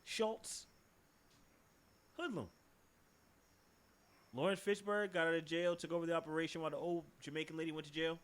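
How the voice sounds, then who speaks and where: A young man with a Boston accent co-hosting a podcast in casual chat, animated and profane, jumping from topic to topic. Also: a little high, moderate pace, long pauses. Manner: animated, swearing, jumps from topic to topic. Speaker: podcast co-host.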